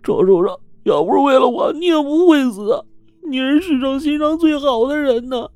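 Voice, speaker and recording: Man doing a shrill, tearful young miner. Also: very animated, fast talker, mellow, husky, no room sound. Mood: sobbing. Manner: shrill, sobbing pleas.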